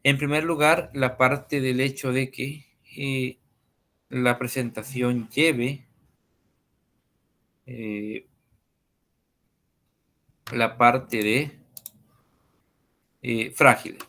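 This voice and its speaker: A man tutoring a coding class over a screen share, talking slowly with many pauses and fillers. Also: medium pitch, fairly even intonation, pushed and bright. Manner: slow and hesitant, many fillers.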